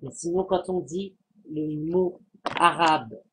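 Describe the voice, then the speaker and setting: A man giving a language lesson, patiently explaining and repeating sounds and words to demonstrate them, with some hesitant pauses. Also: a little high, noisy background. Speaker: Arabic language teacher.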